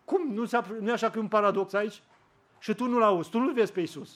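High-voiced fervent preacher. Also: male voice. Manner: fervent preaching, slows and rises on scripture quotes. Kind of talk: sermon.

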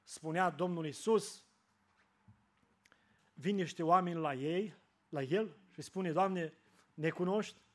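High-voiced man preaching a sermon. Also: long pauses, a bit bright. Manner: earnest, acts out dialogues in changed voices.

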